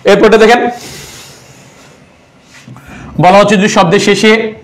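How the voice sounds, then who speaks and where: Man, high voice, exam-prep teacher, rhetorical questions, teasing. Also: steady tone, brisk. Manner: rhetorical questions, answers them himself, teasing. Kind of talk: online grammar class.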